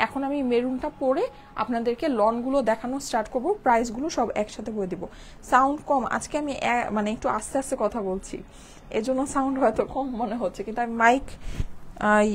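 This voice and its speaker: A Bangladeshi woman selling clothes on a live stream, chatty and a little hoarse from a cold, checking in with viewers after almost every line. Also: fairly high pitch, a little fast, a little hiss or hum. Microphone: phone with clip-on mic.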